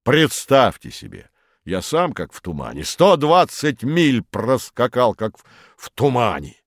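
A huge red-cheeked baron from a storybook, booming and blustering, as a male reader puts him on. He stretches his words out slowly and keeps his voice raised and lively, rising higher than the narration around him. The recording is dry and close. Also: dry recording. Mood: indignant.

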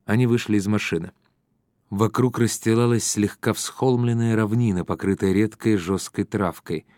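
A man narrates a novel in a low, steady voice with a measured pace. The recording is close and dry, with no room sound at all. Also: no echo. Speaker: audiobook narrator. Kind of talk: scripted narration.

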